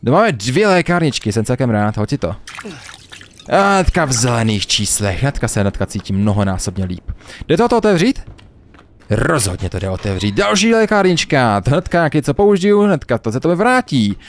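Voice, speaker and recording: A young man narrating his gameplay into a desk mic. He is animated and swears constantly, his pitch jumping high in excitement and dropping low. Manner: animated, swearing, laughing a lot. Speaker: gamer, let's play host. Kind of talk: let's play commentary.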